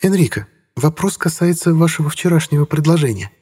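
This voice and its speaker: A man's voice: a little high, lively intonation, fairly quick, warm tone, husky, pitched above the performer's own voice. A man voicing a cold sarcastic businesswoman. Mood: cool. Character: cool sharp-tongued businesswoman.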